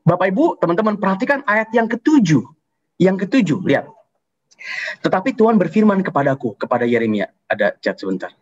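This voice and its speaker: A man preaching an online youth sermon in a lively, conversational way, repeating his key points. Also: high voice, a little fast, lo-fi sound. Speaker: youth pastor.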